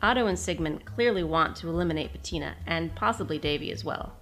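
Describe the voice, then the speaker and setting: A woman's voice: low voice, fast talker, fairly bright tone, soft background music. A woman hosting a podcast, reading her own written episode recap with fond enthusiasm. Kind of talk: scripted reading.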